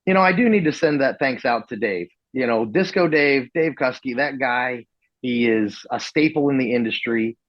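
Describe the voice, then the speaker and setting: On a podcast, a guest who promotes events chats casually, modest and easygoing, frequently starting sentences over. He speaks at a medium pitch and moderate pace, on a dry recording with lo-fi sound.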